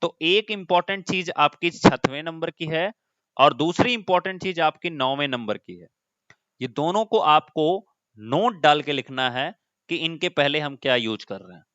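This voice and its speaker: A man's voice: on the high side, expressive, moderate pace, a bit bright, clear, resonant tone, no echo, muffled recording. A man teaching an online class, explaining step by step and often putting questions to his students.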